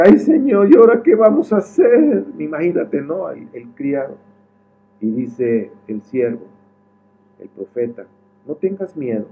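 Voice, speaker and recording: Preacher on a tinny line. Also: male voice, mid-range voice. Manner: conversational, rambling, with many asides and repeated words. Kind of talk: sermon, Bible teaching. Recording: tinny phone-like sound with faint hum.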